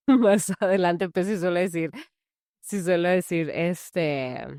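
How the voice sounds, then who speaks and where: A woman's voice: lowish voice, slow pace, darkish tone, no room sound, clean studio sound. A woman who coaches mothers on anger, giving loose, conversational advice full of fillers. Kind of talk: casual talking-to-camera advice. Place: large house.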